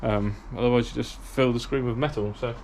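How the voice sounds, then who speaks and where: Building a race car in a hot garage workshop, a British-accented man chats his way through a casual vlog, rambling with many fillers and slightly breathless from the heat. His medium-pitched voice is fairly even and a little fast, and the audio is very noisy.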